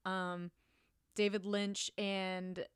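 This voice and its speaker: Woman from the Midwest, smooth clear voice, valley girl manner, lots of "like", casual co-host chat, dry room. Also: mid-range voice, little pitch movement, extremely slow, no echo. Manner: valley girl talk, frequent "like". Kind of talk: casual chat about film and TV.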